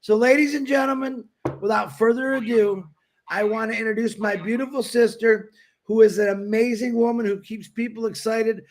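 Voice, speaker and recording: A man co-hosting a livestream and introducing a guest in casual, effusive talk, chuckling between phrases. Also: sits high.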